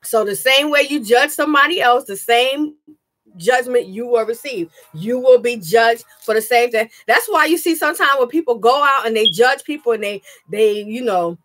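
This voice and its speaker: A fairly high-voiced woman preaches earnestly into her camera, punctuating her points with amens. Her throat is a little scratchy this morning. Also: expressive, normal speed, fairly bright tone. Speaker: pastor. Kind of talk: sermon. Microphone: webcam. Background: music.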